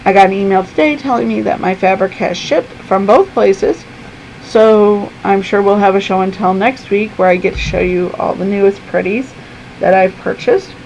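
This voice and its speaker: Talking to her camera in her room, this vlogger sounds gravelly and creaky because she's losing her voice. Her tone is darkish, medium in pitch, and moderately paced, and she fills her casual chatter with lots of ums. The recording is muffled, with a faint air-conditioner humming in the background.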